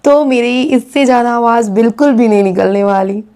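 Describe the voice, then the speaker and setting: A woman playing a sweet, soft-spoken, devoted bride-to-be talking to her fiancé in a comedy sketch. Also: fairly high pitch, normal speed, clear, resonant tone. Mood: meek sweet. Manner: soft, meek, overly devoted. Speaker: comedy creator.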